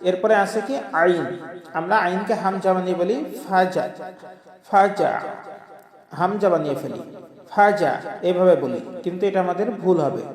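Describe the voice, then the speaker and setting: A man teaching correct Quran recitation, chanting words slowly and drawn out, then briskly explaining each sound with small laughs. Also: high voice, reverberant, big-room sound. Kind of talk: tajweed lesson, explaining and chanting verses.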